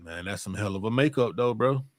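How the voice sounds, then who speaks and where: A man's voice: on the low side, brisk, no room sound. A man, co-hosting a live show in laid-back, chuckling banter. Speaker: co-host.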